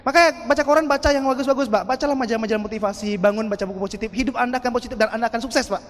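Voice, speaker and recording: A man giving a motivational seminar talk in an animated style, often turning to the audience with questions. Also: very high-pitched, racing, slight background noise. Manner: animated, addresses the audience as "Pak" and asks "betul nggak?". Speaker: motivational speaker. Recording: long hall reverb.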